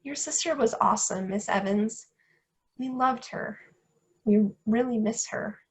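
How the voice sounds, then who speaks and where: A woman's voice: a little high, unhurried. A woman playing a friendly, self-deprecating teenage gamer girl, chatty, in a play reading.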